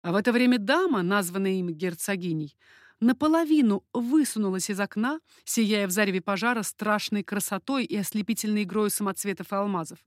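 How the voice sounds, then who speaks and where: A woman reads a historical novel aloud with steady, expressive storytelling. Her voice sits in a middle range. The recording is dry and close. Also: mid-range voice, a little fast, no room sound. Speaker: audiobook narrator. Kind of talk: dramatic audiobook narration.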